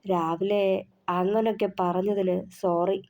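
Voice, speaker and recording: A stern young husband whose scolding turns to pleading, voiced by a woman reading a story, in a warm, mellow tone. He sounds gruff yet caring throughout an audio novel. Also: mid-range voice, a little slow, close to an everyday voice.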